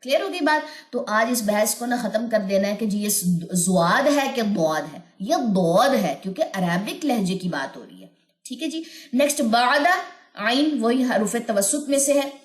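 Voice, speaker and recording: A woman's voice: a little high, sing-song. Woman, recitation teacher, patient, melodic chanting, roomy echo. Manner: explains patiently, then chants verses slowly and melodically. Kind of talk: recorded online lesson.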